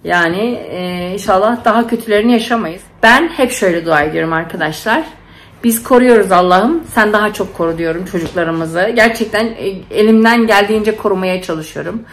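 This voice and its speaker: In a mid-range, fairly quick voice, a middle-aged woman, both nurse and mother, chats to camera from home. She recounts stories emotionally and casually, with frequent fillers.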